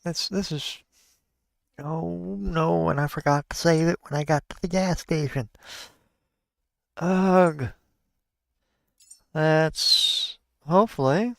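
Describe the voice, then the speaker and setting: A man's voice: on the high side, takes it slowly, gravelly, pauses often, fairly bright tone, no echo, clean studio sound. A man giving casual gameplay commentary as a let's play host, thinking aloud and talking to his viewers.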